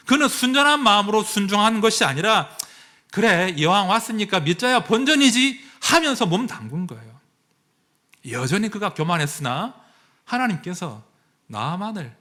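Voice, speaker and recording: A male pastor preaching a sermon, animated and full of rhetorical questions to the congregation. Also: high voice, normal speed.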